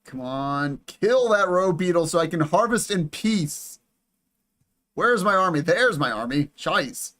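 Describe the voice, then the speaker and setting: A young man giving casual, excitable commentary over a strategy game, swearing and chatting with viewers. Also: high voice, a little slow. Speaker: gaming YouTuber.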